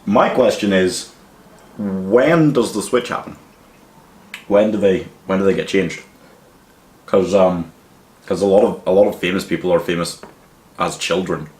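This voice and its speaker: A man's voice: deep voice, a little slow, pauses often, a little mellow. A young man hosting a comedy podcast in casual banter, rambling and mock-earnest, swearing freely. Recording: echoey room.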